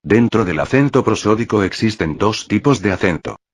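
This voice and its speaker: A man reading a dictionary entry aloud as scripted narration, in a steady, measured way. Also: on the low side, husky.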